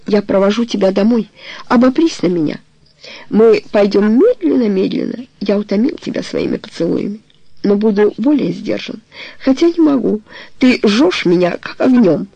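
A man's voice: high-pitched, animated, normal speed, gravelly, warm tone, husky, no echo, dull audio, exaggerated voice. A reader voicing a passionate young man pleading with his beloved to marry him, in an audiobook. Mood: ardent. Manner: pleading, tender, insistent. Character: ardent young man proposing marriage, passionate. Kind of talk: audiobook character reading.

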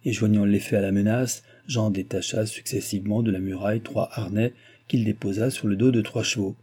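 A man reading a classic novel aloud as an audiobook, in a measured storytelling voice. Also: fairly low pitch, fairly even intonation, dark tone, slightly rough. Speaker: audiobook narrator. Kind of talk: scripted audiobook narration.

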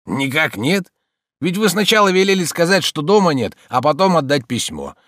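A man voicing a gruff, stubborn old male servant in an audiobook reading, hoarse and curt. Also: fairly high pitch, big pitch swings, normal speed, fairly bright tone, dry recording, clean studio sound, pitched above the performer's own voice. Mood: unflappable. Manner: unflappable, curt.

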